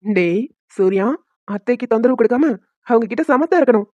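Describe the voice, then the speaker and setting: A woman voicing a young caring father who talks quickly and earnestly and soothes his baby. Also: a little high, lively intonation, dark tone, no room sound, highs cut off, lightly acted. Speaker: cartoon voice actor. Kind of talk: homemade cartoon dubbing.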